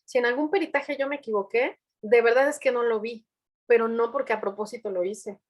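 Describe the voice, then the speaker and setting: A fairly high-voiced woman, talking on a video call as a forensic psychologist. She tells her stories in an animated way and acts out the voices of the people she quotes. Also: a little fast. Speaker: forensic psychologist in family court. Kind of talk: panel discussion over video call.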